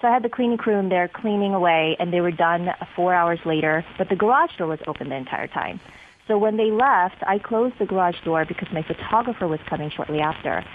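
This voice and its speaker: A woman real estate agent calling in to a radio show over a landline phone, chatting upbeat and pitching a listing. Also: fairly quick. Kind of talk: casual radio phone-in chat. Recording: tinny phone line with clear line noise.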